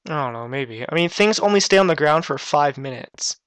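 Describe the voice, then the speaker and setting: A man's voice: fairly high pitch, animated, fairly quick, fairly bright tone, clean tone, no echo. A man chatting casually over a let's-play game, flustered at times and dry and offhand. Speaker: gameplay commentator.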